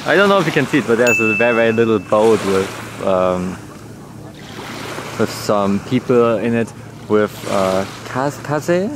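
A man's voice: on the low side, expressive, unhurried. A young man filming a casual travel vlog on a seaside island, rambling and searching for words as he talks to his action camera at arm's length. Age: young adult. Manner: rambling, searches for words, gushes over animals. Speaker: travel vlogger. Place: outdoors on a seaside shrine island. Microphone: action camera held at arm's length. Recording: outdoor wind and water noise. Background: water lapping and outdoor ambience.

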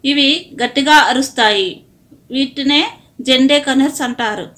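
A woman's voice: sits high, measured pace, fairly bright tone. A woman narrating an informational voice-over in short, plain, list-like statements.

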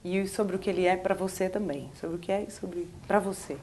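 A woman's voice: lowish voice, a little fast, darkish tone. Woman interviewer with faint background noise. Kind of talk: interview questions.

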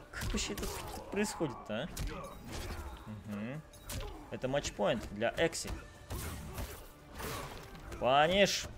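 Male esports caster over loud game music. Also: mid-range voice. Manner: slangy, exclamatory, repeats phrases for emphasis. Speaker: esports commentator. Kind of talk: live fighting game commentary. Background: fighting game music and sound.

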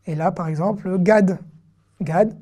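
A woman's voice: fairly low pitch, unhurried, dark tone. A woman teaching an online language lesson, patiently repeating each word several times and explaining it. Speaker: Hebrew teacher.

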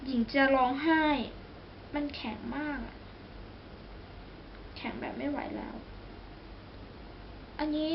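A high-pitched young woman chats her way through a casual makeup tutorial at home, full of exclamations and jokes at her own expense. The recording sounds a little dull, with a faint hiss behind her. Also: takes it slowly, creaky, long pauses. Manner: chatty, exclamatory, self-mocking, talks straight to viewers. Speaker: beauty vlogger. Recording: slightly dull recording with faint background noise.

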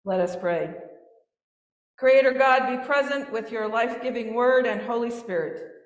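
A woman pastor leading a communion prayer in a measured, solemn intoning manner, heard with cathedral echo. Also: fairly high pitch. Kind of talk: liturgical prayer. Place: large church sanctuary. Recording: echoey church from a distance.

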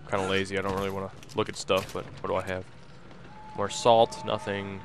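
A man's voice: deep voice, monotone, brisk, over music. A young man casually commenting on a video game, reading menus aloud and cracking jokes. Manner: goofy, jokey, mutters menus aloud, bursts into silly voices. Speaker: gameplay commentator.

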